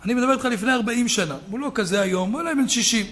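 A man preaching a sermon as a rabbi, telling stories and building up to loud shouted peaks. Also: extremely high pitch.

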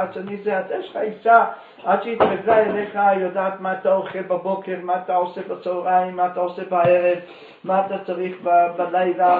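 A man's voice: sits high, slight background noise, close to an everyday voice. A man doing a fussy old lamenting rabbi. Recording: echoey, distant, phone-like sound.

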